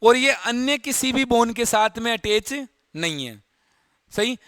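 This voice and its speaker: A man's voice: very high voice, animated, unhurried, fairly bright tone, no echo. A man teaching a biology class in a Hindi lecture, explaining step by step, repeating key terms and asking students questions. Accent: Rajasthani Hindi.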